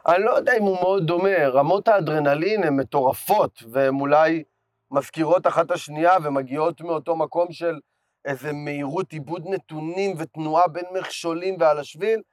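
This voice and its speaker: A hoarse man talking with animated enthusiasm in a casual chat. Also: fairly high pitch.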